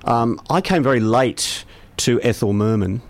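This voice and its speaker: A man's voice: medium pitch, animated, a little slow, no room sound. A man, co-hosting a radio show with casual, dry, mock-prim banter. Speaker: radio co-host.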